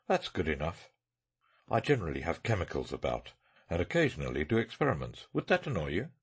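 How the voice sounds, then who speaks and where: Sherlock Holmes, read by a man, deep and husky. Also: big pitch swings, fairly quick, exaggerated voice. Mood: brisk. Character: brisk eccentric male detective, wry. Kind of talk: audiobook character reading.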